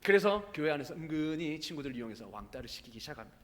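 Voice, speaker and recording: A man's voice: fairly high pitch, big pitch swings, rapid-fire, fairly bright tone. A man preaching a sermon as pastor, telling a story and building to fervent exhortation. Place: church sanctuary. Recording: church hall reverb.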